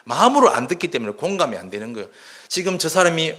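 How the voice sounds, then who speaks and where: Slightly high male preacher. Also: sing-song, quick pace, a bit bright. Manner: earnest, conversational preaching with acted quotes. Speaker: pastor. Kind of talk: sermon.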